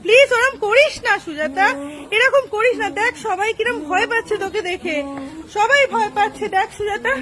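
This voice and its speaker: Very high-voiced woman pleading frantically. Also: moderate pace. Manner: frantic, pleading, repeating herself. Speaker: comedy skit creator. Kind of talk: comic street skit. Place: outdoors by a busy road. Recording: noisy street with passing traffic.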